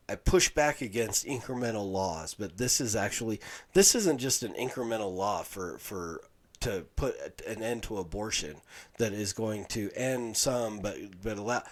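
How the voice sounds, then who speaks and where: A man hosting a podcast, giving a halting, indignant commentary with many restarts. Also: lowish voice. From Utah, USA. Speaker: podcast host. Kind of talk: casual commentary monologue.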